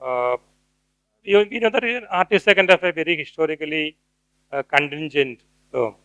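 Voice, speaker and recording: A middle-aged man giving an academic lecture, pausing often with fillers and restarts. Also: fairly high pitch, bright, forceful tone, no room sound, dull audio. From India. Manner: hesitant, many fillers and restarts. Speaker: guest speaker, cultural theorist.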